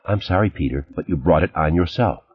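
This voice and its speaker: A man reading an audiobook, voicing a sharp, image-conscious ex-wife who scolds in a clipped, indignant way. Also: low-pitched, brisk, slightly rough, highs cut off. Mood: furious.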